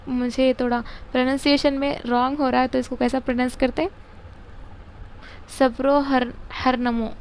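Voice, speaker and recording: A woman's voice: a little high, a little hiss or hum. A young woman teaching a language lesson. She repeats key words and stops to check answers. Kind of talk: explaining grammar and literature to students.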